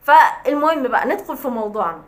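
Her voice high, expressive and fast, a woman with an Egyptian Arabic accent tears into a critic in a to-camera vlog. She scolds sarcastically and laughs with scorn.

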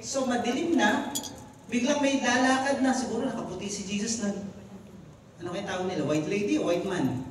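A man delivers an animated sermon, his voice pitched high and full of energy. It is recorded from far back in the congregation, so it rings with the long reverb of a big hall. A faint hiss of room noise sits underneath. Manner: animated preaching, switching between Tagalog and English. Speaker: pastor. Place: church hall. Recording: echoey hall, far from mic.

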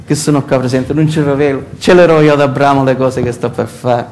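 An older man with a Sicilian Italian accent preaching a sermon as pastor in a church hall, animated and full of rhetorical questions, recorded from a far camera. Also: medium pitch, a little fast.

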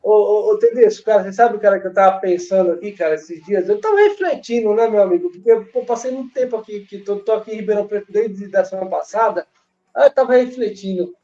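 A man's voice: high voice, quick pace, mellow. A man on a remote phone call, his phone held away from his mouth so he sounds echoey, rambling in casual football chat. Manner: rambling, fills talk with "cara" and "né". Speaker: football talk show panelist. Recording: dull lo-fi phone audio, faint music.

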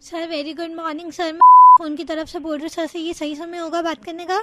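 Very high-voiced woman, politely formal. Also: flat delivery, moderate pace, heavy background noise. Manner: polite, formal, says sir constantly. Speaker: prank caller posing as phone company agent. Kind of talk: prank call.

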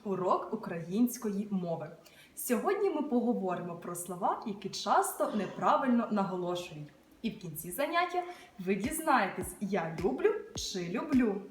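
A woman presenting a scripted language lesson, pronouncing each word clearly and carefully. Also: medium pitch, very animated, moderate pace, slight background noise.

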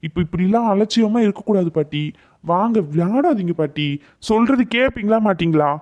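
A man's voice: high-pitched, expressive, a little fast, muffled recording. A man voicing a caring young grandson who talks in an earnest, firm and coaxing way in a cartoon. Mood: concerned. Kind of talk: cartoon voice acting.

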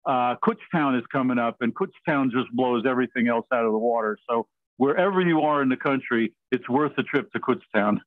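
A man's voice: mid-range voice, a little fast, no echo. A man hosting a meeting in jokey, rambling casual chat over a video call. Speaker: meeting host. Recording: tinny video-call audio.

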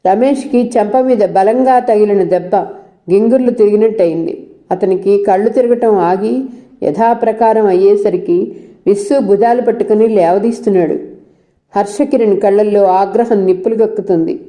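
A woman storyteller reading a novel aloud in steady, scripted narration. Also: mid-range voice, moderate pace.

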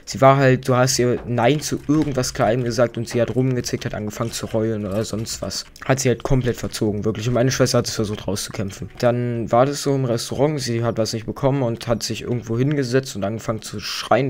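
A young man hosting a let's play tells a story through casual gaming commentary, talking fast with few pauses. His mid-range voice is steady and somewhat dark in tone. His chat is slangy, rambling, and full of fillers.

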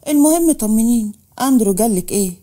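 A woman's voice: on the high side, lively intonation, fast, warm tone, close to an everyday voice. A woman voicing a curt, busy man who brushes things off.

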